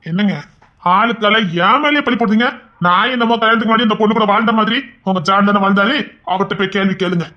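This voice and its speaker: Brief: a man as a brash, devoted young husband in an audio drama; husky, rapid talker. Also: on the high side, steady tone, dull audio. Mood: angry. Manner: fast, blustering, then soft and coaxing. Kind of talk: amateur Tamil audio drama.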